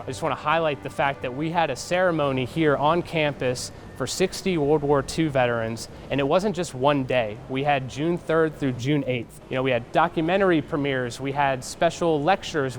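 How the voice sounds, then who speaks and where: An American man in his thirties, earnest and articulate, recalling his work as a museum staffer in an interview. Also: a little high. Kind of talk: interview, reflective recollection.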